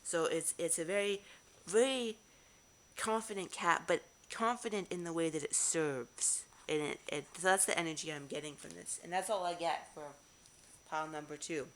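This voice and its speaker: A woman giving a casual tarot reading to camera, musing aloud with halting restarts. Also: fairly low pitch, a bit bright. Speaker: tarot reader.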